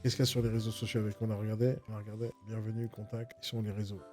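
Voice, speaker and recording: A man's voice: fairly low pitch, little pitch movement, rapid-fire, a little mellow, soft background music. A man who coaches real estate agents gives a blunt, exasperated, mocking casual critique of agency websites.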